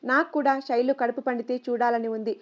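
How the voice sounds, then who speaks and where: A woman's voice: on the high side, steady tone, brisk, natural voice. Caring middle-aged aunt giving earnest advice, woman narrator doing her, lo-fi.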